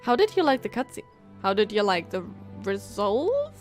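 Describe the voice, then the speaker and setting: With game music in the background, a young woman streamer talks at a moderate pace in a mid-range voice, offering casual live commentary on a video game. Her delivery is excitable, gushing and full of giggles.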